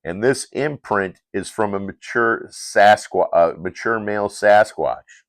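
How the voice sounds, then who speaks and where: Solemn warrior, read by a man, deep and steady, in a dry room. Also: unhurried, no echo, natural voice.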